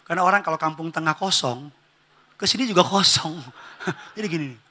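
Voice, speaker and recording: A male pastor preaching in a church with a high, ringing voice that has a sharp, piercing brightness. He is animated and comic, jumping from shouted punchlines to hushed asides and slipping into little character voices for family scenes. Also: a little fast. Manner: animated and humorous, swinging from loud exclamations to hushed asides. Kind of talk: sermon.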